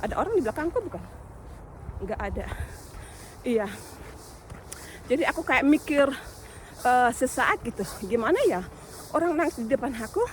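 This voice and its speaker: A woman's voice: sits high, lively intonation, normal speed, long pauses, a little hiss or hum. A woman from Indonesia telling a story to her viewers in a chatty vlog, addressing them directly and filling gaps with small words. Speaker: vlogger.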